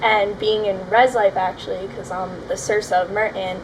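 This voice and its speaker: A woman's voice: medium pitch, little pitch movement, moderate pace, background noise. Young woman panelist, upbeat, casual filler words. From Connecticut. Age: young adult. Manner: chatty, upbeat, many "like"s. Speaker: student panelist.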